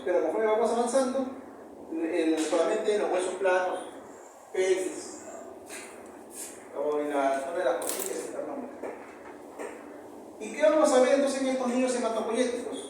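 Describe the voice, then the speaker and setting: A man with a Peruvian accent giving a university histology lecture, often repeating key terms and asking the class quick questions. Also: high-pitched, darkish tone. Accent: Peruvian Spanish. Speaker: histology professor. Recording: very echoey room, far from mic, noisy.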